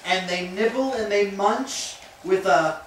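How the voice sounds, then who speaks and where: A woman narrating a children's picture-book play at a home party, reading aloud slowly and expressively. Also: mid-range voice. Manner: slow, expressive storybook reading. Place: home birthday party, indoors. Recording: roomy, distant home video with background noise.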